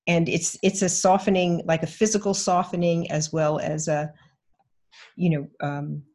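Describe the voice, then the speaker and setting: A woman co-hosting a podcast talks in a low, husky voice. Her delivery is casual and reflective, and she often pauses to search for the right word. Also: level tone, darkish tone. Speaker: podcast co-host. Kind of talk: casual conversation.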